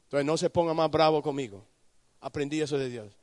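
A man preaching a sermon at a youth conference, asking listeners questions by name and swinging from quiet low warnings to high shouted pleas. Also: brisk, no echo, studio quality. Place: conference hall.

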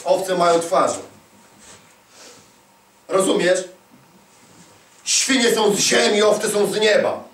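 A man's voice: high-pitched, takes it slowly, pauses often, fairly bright tone, far from the mic. A man preaching an emphatic sermon, repeating lines and calling for answers from the crowd. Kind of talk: charismatic sermon. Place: large hall at a church conference. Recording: echoey hall, voice away from mic.

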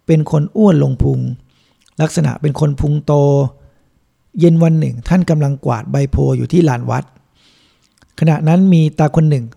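A man, a monk, reading a book aloud in a calm, measured way. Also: on the high side, vocal fry, breathy edge. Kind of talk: audiobook reading.

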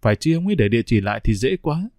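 A man voicing a worried middle-aged wife and mother who asks quick, anxious questions. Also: mid-range voice, sing-song, a little mellow, no echo, studio quality.

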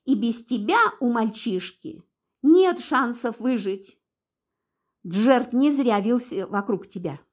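Gruff stern father for an audiobook, blunt and impatient, read by a woman, high and lively. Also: slow pace. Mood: insistent. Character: grim stern older father, a commanding man.

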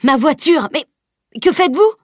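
A woman reading an audiobook voices a flustered man driver who gets agitated and shrill. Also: moderate pace, no room sound, clean studio sound, close to an everyday voice. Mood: outraged. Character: flustered, angry middle-aged male driver.

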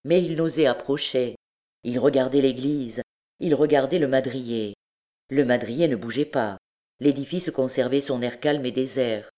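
A woman reading a classic novel aloud, in steady, measured narration. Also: extremely low pitch. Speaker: audiobook reader.

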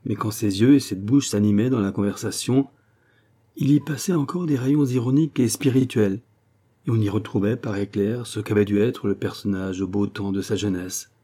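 A man reading a classic novel aloud in a measured, expressive narration. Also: on the low side, slightly rough. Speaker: audiobook narrator. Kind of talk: scripted literary narration.

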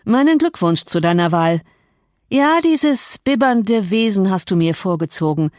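A woman's voice: medium pitch, expressive, unhurried, darkish tone, no echo, lightly acted. A woman reading the part of a brooding, violent man who speaks in a mocking, threatening way, close to her own voice. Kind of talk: audiobook character reading.

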